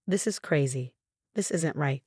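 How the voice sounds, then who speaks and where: A woman voicing a smug, scheming husband in his fifties in a narrated story, mocking and later yelling in panic. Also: sits low, a little slow, breathy edge, dry recording, studio quality. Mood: furious.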